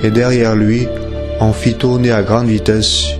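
A man's voice: on the low side, level tone, unhurried. A man telling the life of a saint in a solemn, preacher-like way, over background music. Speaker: storyteller. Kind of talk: devotional storytelling of a saint's life. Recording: music playing behind.

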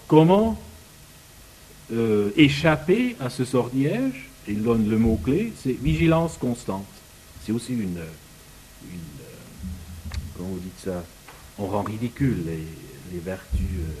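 A man reading book passages aloud and commenting on them, often halting to search for words. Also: medium pitch, animated, a little mellow, a little hiss or hum, low-quality recording.

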